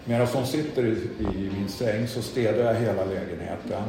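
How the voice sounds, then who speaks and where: A man's voice: on the low side, gravelly, crowd noise. A middle-aged man tells his own recovery story in a candid, self-deprecating way. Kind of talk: personal testimony talk. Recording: echoey hall with audience.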